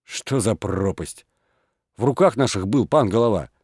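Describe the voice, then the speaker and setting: A man's voice: fairly low pitch, moderate pace, slightly rough, dry recording, studio quality. A man voicing frightened village watchmen who protest and plead in an audiobook reading. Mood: agitated. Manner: excited, protesting.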